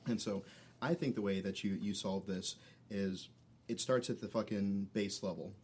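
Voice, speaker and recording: A man's voice: fairly low pitch, moderate pace, a little mellow, slight background noise. A man, a military veteran and podcast guest, chatting casually and bluntly with heavy swearing. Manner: profane, blunt. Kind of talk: casual chat.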